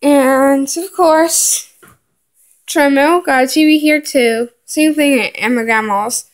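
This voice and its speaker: Speaking very slowly in a high-pitched voice, a woman pauses often and fills the gaps with "uh" and "um" while naming things one at a time. She's a vlogger giving a casual home tour, filming on a handheld phone as she walks through the rooms of a house.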